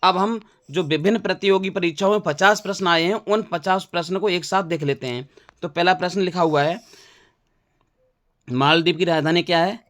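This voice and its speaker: High-voiced man teaching exam memory tricks. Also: moderate pace, a bit bright, no room sound, clean studio sound. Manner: playful memory tricks with wordplay and repetition. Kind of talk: exam-prep general knowledge lesson.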